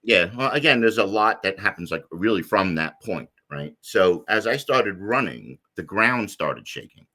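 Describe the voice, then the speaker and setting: Deep-voiced man rambling through a story. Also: sing-song, normal speed, few pauses, sharp tone. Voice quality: deep low voice. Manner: rambling, many fillers and restarts. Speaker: interview guest. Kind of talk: personal story in an interview.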